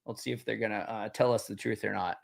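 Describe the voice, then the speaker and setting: A man's voice: on the low side, fairly even intonation, quick pace, creaky. A man hosting a casual live demo, rambling, repeating words and laughing easily. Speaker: host demoing a game tool.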